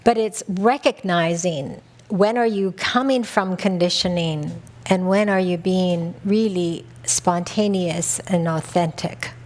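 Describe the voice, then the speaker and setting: A middle-aged woman from North America giving a reflective retreat talk as a spiritual teacher, speaking gently and conversationally with easy restarts. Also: fairly low pitch, takes it slowly.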